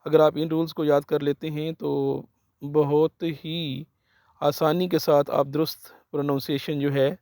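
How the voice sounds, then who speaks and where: A man's voice: fairly high pitch, flat delivery, a little slow, a little mellow, dry recording. A man teaching English pronunciation rules, spelling out the letters one at a time in a methodical way.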